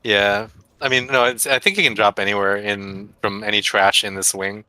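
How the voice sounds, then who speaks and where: A man's voice: lowish voice, steady tone, moderate pace, bright, forceful tone, poor audio. A man in gaming voice chat, hesitant, asking about and explaining game mechanics. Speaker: raid member.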